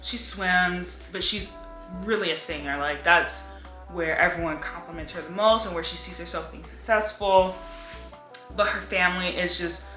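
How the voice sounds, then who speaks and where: A woman's voice: lowish voice, normal speed, bright, forceful tone. A young woman chatting casually about books in a home room, filling her talk with "like.". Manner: chatty, lots of "like" fillers. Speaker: book vlogger. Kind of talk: casual chat. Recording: echoey room with faint music.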